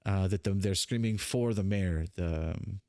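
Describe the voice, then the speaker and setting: A man's voice: on the low side, normal speed, darkish tone, no room sound, clean studio sound. A young man as game master, narrating a tabletop scene in a rambling, hesitant way. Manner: rambling, hesitant, lots of fillers.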